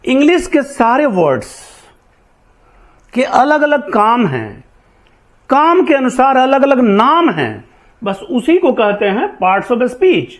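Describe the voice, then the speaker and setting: Male teacher, high voice, very animated pitch, slow word-by-word drills, corrects mistakes. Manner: drills pronunciation slowly, scolds common mistakes. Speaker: English teacher. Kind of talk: classroom grammar lesson.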